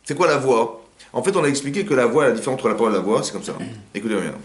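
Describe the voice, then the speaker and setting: A man who is a rabbi giving an informal Torah class in a private home, talking quickly and firing rhetorical questions at his listeners. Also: medium pitch. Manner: rapid, animated, asks the audience rhetorical questions. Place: living room of a private home. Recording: roomy home recording.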